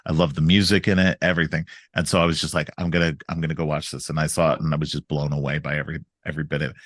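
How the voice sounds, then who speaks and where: A man's voice: extremely low pitch, little pitch movement, rapid-fire, no room sound, clean studio sound. A middle-aged man hosting a casual film podcast, stuffed up from a cold, rambling with frequent restarts. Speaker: podcast host.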